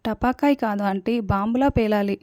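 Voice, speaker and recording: A woman's voice: mid-range voice, moderate pace, darkish tone, dry recording, clean studio sound, natural voice. A woman reading the lines of a scheming young woman who gloats. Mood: gloating.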